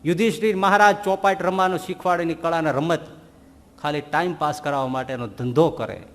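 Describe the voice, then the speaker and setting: Man, high voice, sermon, lively storytelling, long hall reverb. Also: a little fast. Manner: animated storytelling, rhetorical questions, voices quoted figures. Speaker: Swaminarayan preacher.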